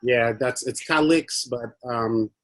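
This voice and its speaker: Haitian-born guy giving a talk over zoom, lots of ums, a bit nervous, average pitch. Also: steady tone, unhurried. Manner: hesitant, many fillers, a little nervous. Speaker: guest speaker. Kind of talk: prepared talk on a video call. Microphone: video call.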